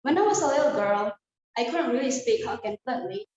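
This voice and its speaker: Speaking to her audience straight on over a video call, a young adult student from Indonesia gives an earnest, prepared inspirational speech. She's high-pitched, animated and fairly quick, with a darkish tone. The audio is dull and heavily reverberant, with slight background noise.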